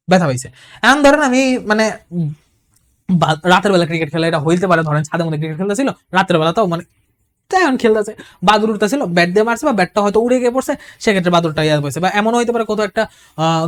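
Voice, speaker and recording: Chatty male tutor explaining. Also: sits high. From Bangladesh. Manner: explains step by step, slowing down to read example sentences aloud; chatty, loses track and restarts, colloquial. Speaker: admission test tutor. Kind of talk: casual recorded lesson.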